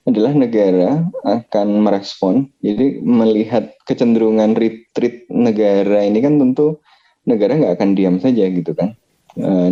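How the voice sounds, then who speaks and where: A man talking in a casual podcast discussion, thinking aloud with many pauses and filler sounds, with an Indonesian accent. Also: on the low side, warm tone, muffled recording. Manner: thoughtful, many hesitations.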